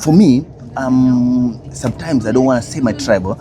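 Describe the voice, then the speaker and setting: With crowd noise in the background, a man from Kenya hosts an informal street chat at a moderate pace in a medium-pitched voice. He's talkative but hesitant, filling his speech with "uh" and "yeah."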